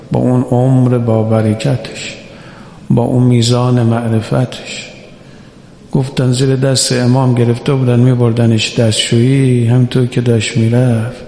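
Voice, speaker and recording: A man preaching a religious sermon who urges his listeners on and slowly chants quoted scripture. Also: mid-range voice, dark tone. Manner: exhorting, quotes Arabic scripture in slow chant. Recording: echoey hall reverb.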